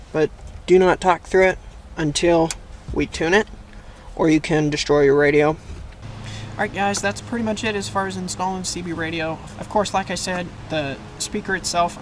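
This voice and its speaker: The host of a how-to video channel, whose voice is on the high side, gives casual hands-on tutorial narration while working in or beside a parked vehicle. He talks through every step and thinks aloud, and a little hiss or hum is audible.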